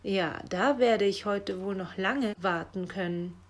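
A woman voicing a cheerful, friendly male fox in a children's story, good-humored and relaxed. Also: mid-range voice, a little slow, lightly acted.

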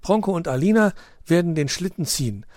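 A man reading aloud and voicing an eager young male dog with an excited, persuasive manner. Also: fairly high pitch, fairly quick, dry recording, clean studio sound, pitched above the performer's own voice, natural voice. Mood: bossy.

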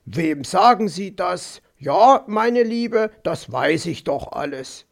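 A man's voice: high-pitched, animated, takes it slowly, vocal fry, full character voice. A man voicing a smug, overly solicitous male fox who talks in a soothing, patronizing way. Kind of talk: audiobook character voice.

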